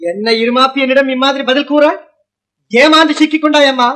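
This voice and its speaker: An actor playing a defiant young nephew in a 1950s film, arguing and declaiming formal lines. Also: male voice, very high-pitched, fairly even intonation, brisk, pushed and bright. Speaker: nephew in the household.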